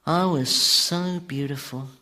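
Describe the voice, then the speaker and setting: A man's voice: a little high, slow, sharp tone. A man playing a weary, sardonic, vain Satan in a radio sitcom, with a dry delivery. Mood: wry, boastful.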